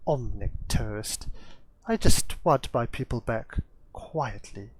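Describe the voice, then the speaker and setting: Guy doing a hush-hush old suit, low, slow and cagey. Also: lively intonation, slight background noise. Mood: secretive. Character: quiet, cagey older male businessman.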